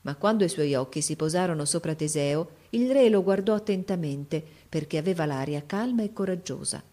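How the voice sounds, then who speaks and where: A woman narrating a storybook tale in a measured, expressive reading. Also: low-pitched.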